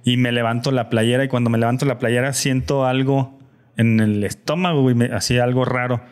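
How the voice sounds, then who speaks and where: A Mexican man spins a story for his friends at a middle pitch, in loose, slangy speech peppered with swearing. He acts out other people's lines as he goes. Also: fairly even intonation, fairly quick. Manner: slangy, swears often, acts out quoted voices. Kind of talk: casual storytelling among friends.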